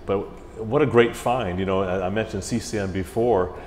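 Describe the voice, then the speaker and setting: A middle-aged man, a music director in an interview, telling stories in a chatty, animated way. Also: lowish voice, normal speed. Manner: chatty, animated, slips into mimicked voices. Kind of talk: casual interview storytelling. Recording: roomy hall echo with faint ambient hiss.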